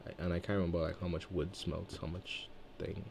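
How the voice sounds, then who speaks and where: Deep-voiced man in his twenties, casual gameplay commentary, rambling, thinking aloud, keyboard clicks behind. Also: flat delivery, fairly quick, gravelly, a little mellow, a little hiss or hum. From Trinidad and Tobago. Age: 20s. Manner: rambling, thinks aloud between chatty stories. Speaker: let's-play gamer.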